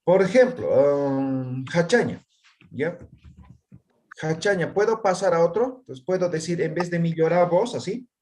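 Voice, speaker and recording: A man's voice: fairly high pitch, lively intonation, moderate pace, few pauses, a little mellow. A man teaching a language class, quizzing his students and checking often whether they follow. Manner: constantly checks understanding with tag questions. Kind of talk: online class.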